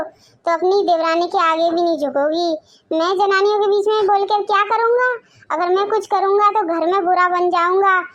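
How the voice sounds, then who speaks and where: An easygoing husband, voiced by a woman in an animated family drama, coaxing his wife along. The voice is very high, and the audio sounds dull and lo-fi. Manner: coaxing, laid-back. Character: easygoing adult husband, avoids conflict.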